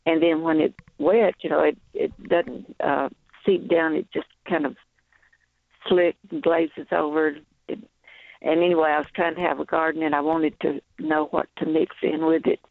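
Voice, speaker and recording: Guy on a phone line, creaky highish voice, halting, casual, thin narrow sound. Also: fairly even intonation, dry recording. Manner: hesitant, halting. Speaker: radio phone-in caller. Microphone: telephone.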